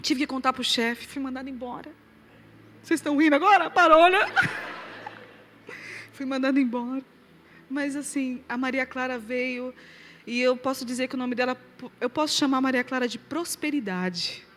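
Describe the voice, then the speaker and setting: A Brazilian woman with a high voice and a Brazilian Portuguese accent gives a lively testimony from the pulpit. Her story rises to loud, high exclamations and drops to soft, quiet asides. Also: moderate pace, slight background noise. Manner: animated storyteller, swings loud and soft, laughs along. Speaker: preacher. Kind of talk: testimony to a live audience.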